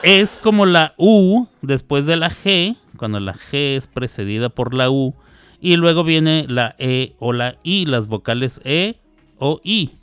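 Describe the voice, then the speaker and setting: A man's voice: a little high, lively intonation, takes it slowly, a bit bright, clear, resonant tone, no echo, soft background music. A Mexican man in his fifties hosting a radio show, rambling and playful in casual chat, correcting himself as he goes. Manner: chatty, digressive, playful, self-correcting. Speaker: radio host. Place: radio studio.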